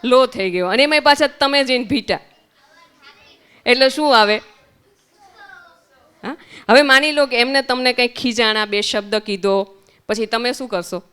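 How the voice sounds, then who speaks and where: A woman with a Gujarati accent leads a lesson for children. She keeps asking the group questions and repeats their answers back. Her voice is slightly high and very clear. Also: a little slow, long pauses, fairly bright tone. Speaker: spiritual teacher at children's summer camp. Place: centre hall.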